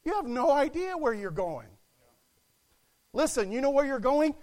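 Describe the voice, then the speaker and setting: A man preaching a sermon to a church, swinging from quiet asides to loud exclamations. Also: extremely high pitch, sing-song, normal speed.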